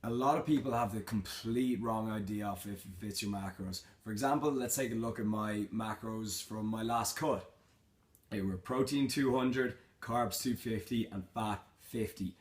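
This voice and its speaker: A young fitness vlogger reads out questions in a casual Q&A vlog and answers them in an informal, matter-of-fact, slangy way. His voice is on the low side and his pace moderate.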